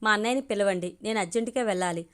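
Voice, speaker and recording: A woman voicing a quick-tempered, spirited young woman in a spoken audio story. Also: mid-range voice, natural voice. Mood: huffy.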